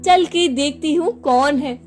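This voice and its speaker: A woman's voice: high voice, a little slow, soft background music. A woman voicing an old village pickle seller who talks in fussy exclamations. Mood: bewildered.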